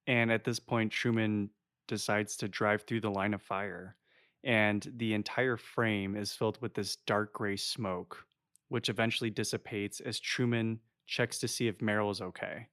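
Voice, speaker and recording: A man's voice: on the low side, fairly even intonation, fairly bright tone, dry recording, studio quality. A man co-hosting a podcast, recapping a film scene in an affable, easygoing way. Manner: affable, quick to laugh and agree. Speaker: podcast co-host. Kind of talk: casual film breakdown chat.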